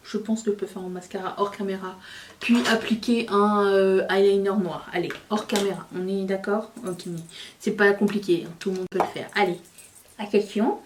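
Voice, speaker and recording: A woman beauty vlogger talks chattily to viewers as she puts on makeup, teasing herself along the way. She speaks at a medium pitch with a steady tone and moderate pace, sounding reverberant and distant, with a little hiss or hum.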